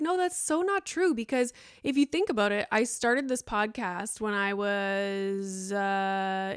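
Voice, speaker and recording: Chatty woman in her thirties, smooth voice. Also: medium pitch, no room sound, studio quality. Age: 30s. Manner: chatty, rambling, fillers and "like" throughout. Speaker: podcast host. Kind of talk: solo podcast talk.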